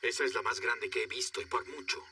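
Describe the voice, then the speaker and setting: A man dubbing a calm, seasoned jungle guide in a film, speaking with steady authority. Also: medium pitch, a little fast, no echo, recorded from a distance, faint music behind. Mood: explaining. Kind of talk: dubbed film dialogue.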